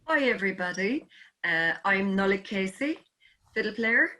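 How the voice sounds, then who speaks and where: A woman's voice: mid-range voice, lively intonation, moderate pace, sharp tone. A woman with a West Cork Irish accent giving a casual introduction as a band musician. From West Cork, Ireland. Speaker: fiddle player in a band.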